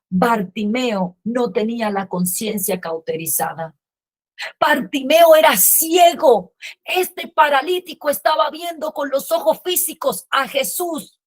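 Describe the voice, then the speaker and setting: Woman preacher, middle-aged, high and slow, impassioned sermon delivery. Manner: impassioned preaching, rising to shouts. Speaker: pastor.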